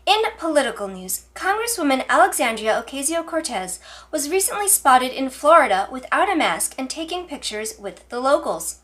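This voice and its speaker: A woman's voice: sits high, very animated, moderate pace, fairly bright tone, slight background noise. A woman reading scripted mock news as a parody news anchor, with formal, emphatic delivery.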